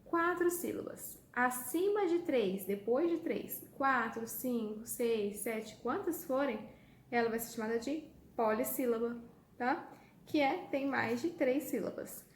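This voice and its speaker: A woman's voice: a little high, a little slow, slight background noise. A woman teacher giving a patient online lesson to children, checking in often and stressing words for emphasis. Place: room with a whiteboard. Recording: echoey room.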